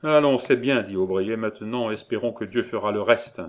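A man reading the part of a pushy, impatient young student in an audiobook, loud and insistent. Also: lowish voice, fairly quick, lightly acted. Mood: eager.

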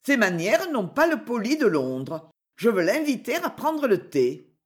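A woman voicing a gossipy cook who mutters her remarks in a low, soft voice. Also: sing-song, unhurried. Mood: muttering. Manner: muttering, a bit snide.

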